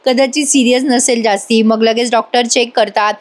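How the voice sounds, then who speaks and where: High-voiced chatty woman reviewer. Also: steady tone, normal speed. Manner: chatty, addresses viewers directly. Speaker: TV serial reviewer. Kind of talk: voice-over episode retelling.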